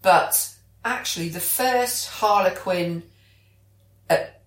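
The clip features a British woman whose voice is on the low side, talking slowly as she co-hosts a podcast. It's a casual chat where she explains things as she goes, captured in a roomy, echoey space.

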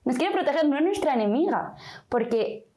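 A woman in a conversational interview, speaking as a vocational mentor. Her voice sits a little high, and she talks expressively, slipping into the inner voices she describes as lively little dialogues. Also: moderate pace.

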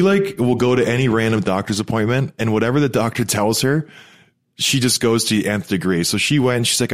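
A man chatting casually and telling rambling stories, breathing through his mouth because of a broken, blocked nose. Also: on the low side. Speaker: podcast co-host, former pro hockey player. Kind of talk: casual chat, personal storytelling.

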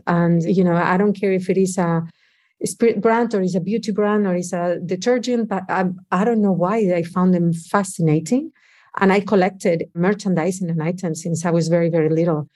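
A woman's voice: on the low side, dark tone. A woman from Spain with a Spanish accent, speaking reflectively as an interview guest, often restarting her phrases. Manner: reflective, frequent restarts and "you know". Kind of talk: conversational interview.

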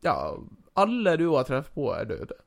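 A man's voice: fairly high pitch, huge pitch swings, gravelly. A man narrating a tabletop role-playing game as game master, playful and putting on silly voices.

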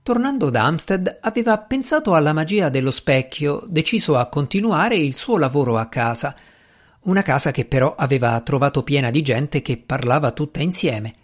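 A man narrating an audiobook in an expressive, theatrical reading style. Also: on the high side, moderate pace.

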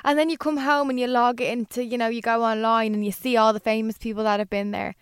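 A woman's voice: on the high side, level tone, fast, smooth, dry recording, studio quality. A woman co-hosting a podcast, telling casual anecdotes in an informal, gushing way peppered with "like". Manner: gushing, informal, frequent "like" asides. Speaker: podcast co-host.

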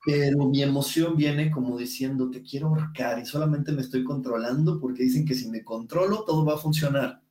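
A man with a Mexican accent, a guest calmly explaining ideas with everyday examples. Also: mid-range voice, fairly quick, few pauses. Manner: calm, coaching tone, everyday examples. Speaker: guest speaker. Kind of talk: explanatory conversation. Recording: echoey room.

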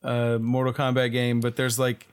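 A man co-hosting a podcast in casual chat, rambling and halting as he searches for words. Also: medium pitch, completely flat delivery, clean tone. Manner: rambling, halting, with many restarts and fillers. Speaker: podcast co-host.

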